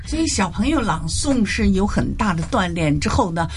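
A woman's voice: mid-range voice, very animated, moderate pace, noisy background. A woman chatting casually in an agreeable way, often repeating her phrases. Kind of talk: casual chat.

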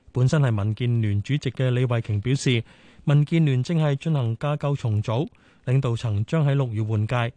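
Mellow Hong Kong Cantonese newsman. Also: medium pitch, dry recording. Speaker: radio news anchor. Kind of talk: scripted news reading.

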